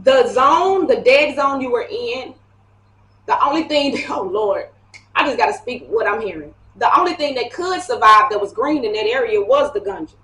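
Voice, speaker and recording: A woman reads tarot cards in a casual, chatty way and laughs often as she goes. Her voice sits a touch high. The room around her is echoey. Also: animated, normal speed, a bit bright. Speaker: tarot reader. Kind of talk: casual tarot reading to camera.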